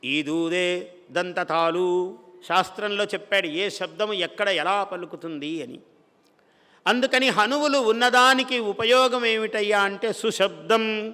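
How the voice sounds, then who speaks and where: A man's voice: high-pitched, measured pace, bright, forceful tone, clear, resonant tone, long reverb tail. A man from India giving a devotional discourse. He chants verses and then explains them plainly, often asking a question and answering it himself. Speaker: spiritual speaker.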